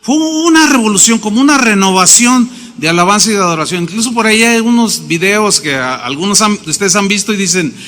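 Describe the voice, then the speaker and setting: A middle-aged pastor preaching in a large hall, his high, bright voice ringing with a long reverb. He tells stories with emphasis and acts out the quotes in his own voice. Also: lively intonation, brisk, few pauses. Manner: emphatic, storytelling with acted quotes. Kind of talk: sermon.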